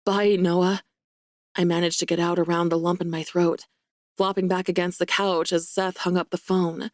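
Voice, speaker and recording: A woman giving first-person romance audiobook narration in a wry, lively, self-mocking way. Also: lowish voice, fairly quick, no echo, studio quality.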